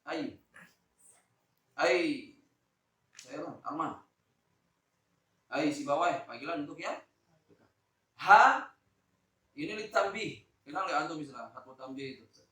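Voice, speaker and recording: Male teacher from Lombok teaching Quran exegesis; animated, loud peaks and quiet asides; slightly high voice; distant phone recording. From Lombok, Indonesia. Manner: animated, swings between loud emphasis and soft asides; draws out Arabic words slowly. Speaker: Islamic teacher. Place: school hall, indoors. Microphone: phone camera recording. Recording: echoey room, distant phone mic.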